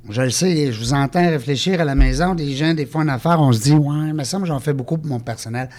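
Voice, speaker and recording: A man with a Quebec French accent hosting an interview, prodding his guest with quick questions and short interjections. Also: fairly high pitch, darkish tone. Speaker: host. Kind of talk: casual interview.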